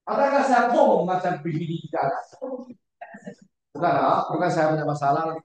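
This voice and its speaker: A man preaching a sermon to a congregation, repeating words and shouting for emphasis, often putting questions to his listeners. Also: a little high, big pitch swings, moderate pace, slight background noise. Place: church hall. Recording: very echoey church hall, far from the mic.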